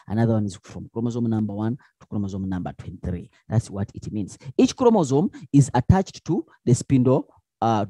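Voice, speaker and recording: Lively man teaching. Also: on the low side, no echo. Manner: asks the class questions and answers them himself; lively, with many restarts and fillers. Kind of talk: explanatory lesson.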